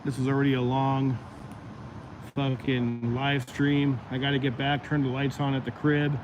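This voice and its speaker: A man chats loosely to his livestream viewers, rambling from one thought to the next. His voice sits at an ordinary middle pitch and is starting to go out. Steady traffic and street noise come through clearly behind him. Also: normal speed, highs cut off. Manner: rambling, chatty, addresses viewers directly. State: voice going out. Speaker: livestream host. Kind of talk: casual livestream chat.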